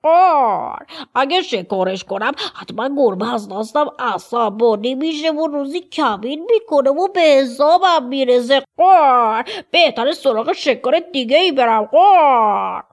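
Woman doing a slow cawing crow. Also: high voice, expressive. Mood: scheming. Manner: drawn-out caws, slow and loud. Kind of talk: children's storybook reading.

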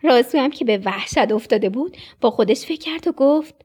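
Brief: high, breathy woman storyteller, animated children's narration. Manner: expressive, dips into whispers for suspense.

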